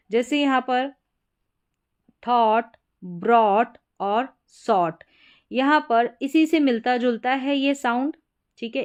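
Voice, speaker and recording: A young woman teaching English pronunciation, spelling out letters slowly and repeating each word several times. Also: fairly high pitch, a little mellow, clear, resonant tone. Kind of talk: explanatory lesson.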